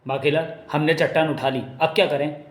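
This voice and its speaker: A man's voice: fairly high pitch, steady tone, brisk, lightly acted. A man voicing a fat, simple-minded male king who talks naively. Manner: naive, whiny. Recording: echoey room.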